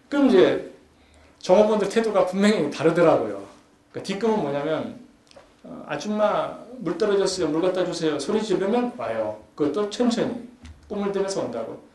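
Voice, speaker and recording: A man's voice: a little high, a little mellow. A man giving a conversational lecture at a forum, acting out everyday scenes and pressing his points with growing emphasis. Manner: chatty, acts out everyday scenes with rising emphasis. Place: lecture hall at a youth forum. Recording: echoey hall with faint background hum.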